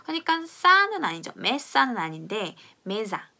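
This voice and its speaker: A young woman teaching pronunciation in a friendly video lesson, explaining patiently and drilling sounds slowly for viewers to repeat. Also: mid-range voice, animated, creaky, bright, forceful tone. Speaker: language teacher.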